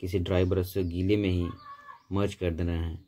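Low, mellow-voiced male painting instructor. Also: normal speed, a little hiss or hum. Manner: steady, patient step-by-step instruction. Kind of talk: tutorial voice-over explaining technique.

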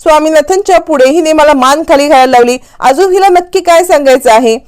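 A woman's voice: high voice, fairly quick, a little mellow, pitched above the performer's own voice, natural voice. A woman voicing an angry young businessman who scolds his staff in a serial retelling. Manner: irritated and scolding.

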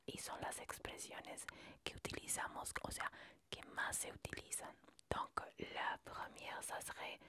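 Softly whispering, a female French teacher takes the listener through a language lesson in ASMR style. Her pace is unhurried and patient, and she spells each word out letter by letter.

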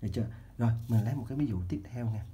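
A man's voice: medium pitch, rapid-fire, mellow. A man giving a casual children's math lesson, repeating steps and checking in with the viewers often. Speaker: math teacher. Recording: dull lo-fi home recording with faint noise.

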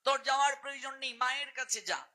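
A man's voice: very high voice, fast talker, sharp tone, exaggerated voice. A man voicing a stern father who curtly scolds his small son. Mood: scolding. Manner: curt, scolding.

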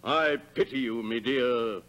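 An actor playing a stern, powerful king who speaks in a measured, commanding way in 1950s stage tragedy style. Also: medium pitch, a bit bright, muffled recording, close to an everyday voice.

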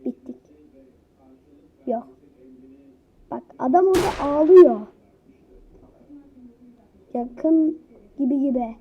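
A high-pitched woman narrating her game in an unhurried, drawn-out way, excitable and teasing as she plays. Her voice comes through a dull, lo-fi home recording. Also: a little hiss or hum. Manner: excitable, teasing, laughs often. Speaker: gaming YouTuber. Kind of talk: casual let's-play commentary.

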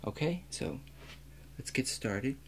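In this soft-spoken ASMR medical role play, a twenty-something man with a mid-range voice acts as a doctor conducting an examination. His delivery is calm and measured as he instructs the listener one step at a time, with a steady hum audible in the small indoor room.

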